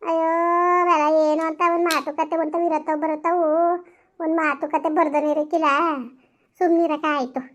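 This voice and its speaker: A woman acting a kind, motherly village woman in a family drama, hushing and comforting others. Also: sits high, little pitch movement, moderate pace, natural voice. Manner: soothing, hushing, motherly advice.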